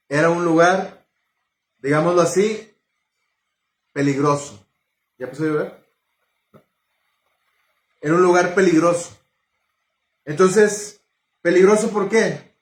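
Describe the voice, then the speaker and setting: Male preacher, sermon delivery, slightly high voice, halting, roomy echo. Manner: unhurried, halting, with fillers and self-corrections.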